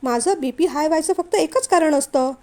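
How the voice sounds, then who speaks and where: A woman voicing a stern older male company boss in a storybook reading, in a lowered voice. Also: fairly quick, mellow, close to an everyday voice.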